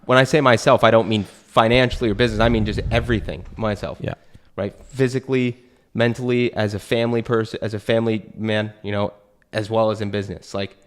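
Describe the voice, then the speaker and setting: Speaking a little fast with few pauses, a young man from the United States hosts a casual chat, his fairly low voice keeping a fairly even intonation. He's a podcast host and new real estate agent based in Portugal, and he talks earnestly, thinking aloud with lots of fillers.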